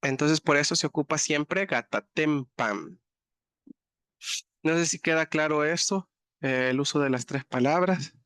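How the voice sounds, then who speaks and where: A man's voice: fairly high pitch, unhurried, fairly bright tone, smooth, no room sound, studio quality. A man teaching a language class, explaining words patiently and often checking that students follow. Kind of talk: online class teaching vocabulary.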